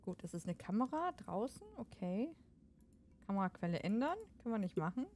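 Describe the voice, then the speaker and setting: A woman giving casual let's play commentary, excitable and laughing often, shouting commands at the game. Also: medium pitch, brisk, a little hiss or hum.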